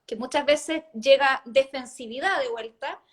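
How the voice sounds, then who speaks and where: A woman's voice: high-pitched, a little slow. A woman hosting a casual chat, thinking aloud through her own example. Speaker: host.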